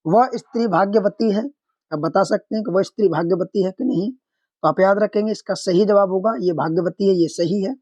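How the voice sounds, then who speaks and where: A man's voice: high voice, moderate pace, a little mellow, no room sound, muffled recording. Dry, close-miked male teacher quizzing viewers. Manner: explains step by step, quizzing viewers; addresses viewers as friends. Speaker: Hindi exam-prep teacher. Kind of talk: online exam-prep lesson.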